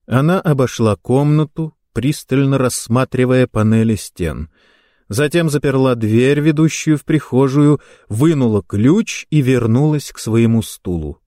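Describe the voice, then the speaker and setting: Slow, measured male story narrator. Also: mid-range voice, no room sound, studio quality. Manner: slow, measured, even reading. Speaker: audiobook narrator.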